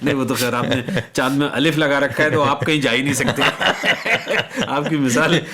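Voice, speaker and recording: A man's voice: mid-range voice, pushed and bright. A man hosting a radio programme on poetry, asking conversational questions of his guest. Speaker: radio host. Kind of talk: radio interview.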